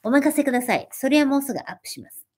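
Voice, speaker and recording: A woman's voice: high-pitched, lively intonation, rapid-fire. A woman in her forties hosting a livestream, reading viewer comments aloud and answering them in a friendly, chatty, self-deprecating way. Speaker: livestream host. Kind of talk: casual livestream chat.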